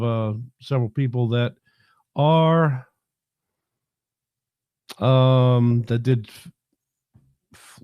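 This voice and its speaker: Broadcasting live from his Southern home, a New York-born host with a mellow, medium-pitched voice chats casually, folksy and rambling, full of fillers. He's just getting over a head cold, and the recording is dry.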